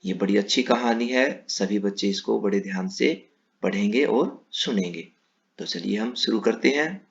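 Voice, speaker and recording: Male teacher, slow children's read-aloud, low-pitched. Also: gravelly. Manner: warm, slow, explaining to children. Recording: dull lo-fi recording.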